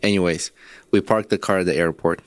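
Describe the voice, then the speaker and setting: A man's voice: sits low, fairly even intonation, fairly quick, no echo. A man co-hosting a casual podcast, telling a long story with profanity and frequent laughs. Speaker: podcast co-host.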